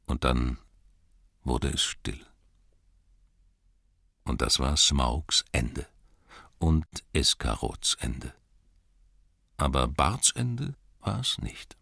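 A man narrating an audiobook with expressive storytelling. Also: extremely low pitch, vocal fry, no room sound, clean studio sound. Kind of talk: audiobook reading.

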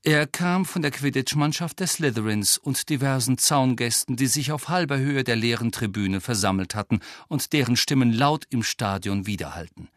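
A man reading a novel aloud as an audiobook narrator, with expressive storytelling. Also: mid-range voice, no echo, clean studio sound. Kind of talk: scripted narration.

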